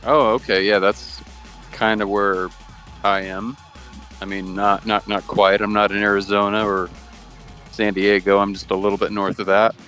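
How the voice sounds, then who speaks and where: A man on a casual voice call, talking in a dry, deadpan way. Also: on the low side, moderate pace, soft background music.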